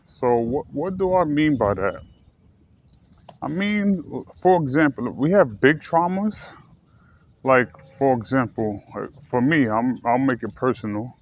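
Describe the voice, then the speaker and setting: A man's voice: mid-range voice, animated, a little slow. Earnest rambling man, lo-fi recording. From United States. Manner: rambling, self-correcting, earnest. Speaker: vlogger. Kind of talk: casual personal talk to camera. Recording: slightly dull lo-fi recording with faint ambient noise.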